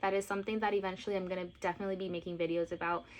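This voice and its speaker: Her lowish, level voice comes rapid-fire over a faint hiss or hum. She's a lifestyle and mom vlogger in her late twenties, Costa Rican-born and Miami-raised, talking emotionally to camera in a casual vlog, gushing, a bit teary, and full of fillers.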